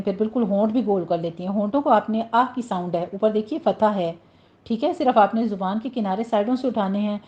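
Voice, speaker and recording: A woman teaching Quran recitation rules, explaining each word, then reciting it slowly and carefully. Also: mid-range voice, warm tone, highs cut off. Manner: instructive, drawn-out recitation of single words.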